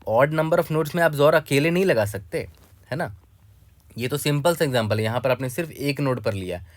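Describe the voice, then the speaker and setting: A man in the middle of his pitch range walks viewers through a coding problem step by step. He talks conversationally, keeps asking if things are clear, and drops in technical terms. The recording is close and dry, with no room echo. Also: animated, normal speed. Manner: conversational, repeats "ठीक है" often and addresses the viewer directly. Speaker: coding tutor. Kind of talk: explaining a coding problem on a whiteboard.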